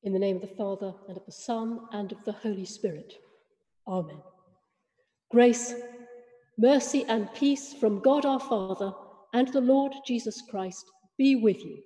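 A woman vicar leading a church service in a measured, formal liturgical manner, her voice ringing with a long cathedral echo. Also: medium pitch, warm tone. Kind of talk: liturgy and welcome notices.

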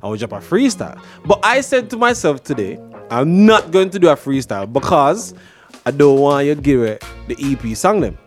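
Excitable teasing male host. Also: a little high, fairly quick, faint music behind. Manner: excitable, teasing, repeats himself. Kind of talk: casual radio-style chat.

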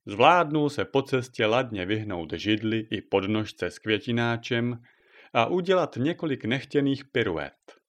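A male storyteller reading a story aloud with a lively, animated voice that rises and falls a lot. His delivery is expressive and scripted. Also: fairly low pitch. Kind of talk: scripted narration.

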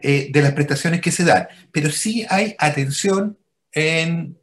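A man's voice: a little high, measured pace. A Chilean man, a physician, explaining his work patiently over a video call and often checking in with his listener. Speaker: physician interviewed as a guest.

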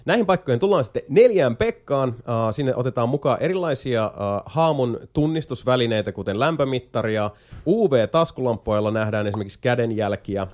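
A man chatting casually as a podcast host, explaining a video game at length with lots of hesitation fillers and a few jokes. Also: medium pitch. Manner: jokey, lively storytelling. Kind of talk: casual chat.

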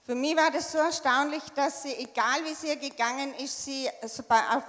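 A woman from Tyrol with an Austrian German accent, telling a church testimony in short phrases and pausing for an interpreter. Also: high-pitched, steady tone, a bit bright. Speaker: church member giving testimony. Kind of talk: sharing a personal story in short phrases for an interpreter. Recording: echoey hall with long reverb.

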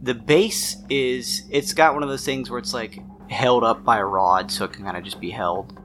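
A man in a mid-range voice narrates a tabletop mystery game as game master, talking at a moderate pace in a conversational, descriptive manner. Background music plays behind his voice.

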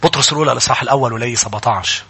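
A pastor preaching a sermon in church, animated and calling out to his congregation. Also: mid-range voice, racing, creaky, husky.

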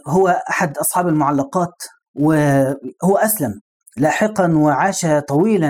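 A man's voice: on the high side, darkish tone. A man with an Egyptian Arabic accent, preaching in a conversational storytelling lesson and putting rhetorical questions to the listener. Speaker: Islamic preacher.

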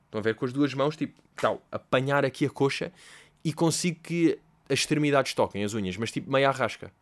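A man's voice: medium pitch, a little fast. Rambling young Portuguese man storyteller. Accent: European Portuguese. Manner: rambling, animated storytelling with swearing and slang. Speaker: podcast host. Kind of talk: casual comedic monologue.

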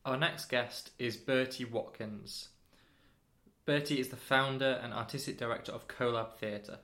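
A man hosting a podcast, introducing and questioning a guest in a measured, courteous way. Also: medium pitch, steady tone, heavy background noise. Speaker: podcast host. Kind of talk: scripted podcast introduction and interviewing.

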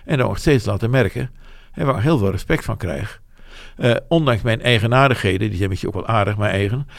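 This interviewee, a business owner in his seventies, talks openly and at length about his career in a rambling, self-deprecating, reflective way. He speaks a little fast in a fairly low, creaky voice, captured at studio quality with no echo.

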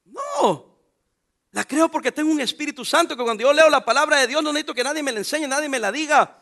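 A man's voice: very high-pitched, animated, fast, creaky, pushed and bright. A middle-aged man preaching a sermon, fervent and full of questions to his listeners.

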